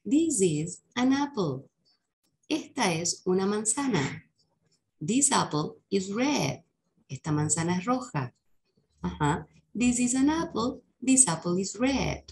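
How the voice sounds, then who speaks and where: Unhurried woman teacher with gravelly voice. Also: mid-range voice, very animated, a little mellow. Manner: patient, slows down to model English words. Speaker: English teacher. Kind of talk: lesson explaining English for Spanish speakers.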